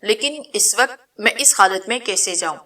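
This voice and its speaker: A stubborn young man, hurt and aching yet defiant, pressing with questions, as a woman reads him in a storybook. The voice stays bright and clear. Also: medium pitch, natural voice. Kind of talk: storybook reading.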